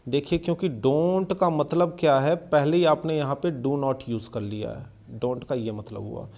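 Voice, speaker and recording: Male tutor, slightly high voice, patient explainer who keeps checking in. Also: a little mellow. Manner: explains slowly with examples, often checking understanding. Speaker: English teacher. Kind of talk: video lesson explaining English grammar.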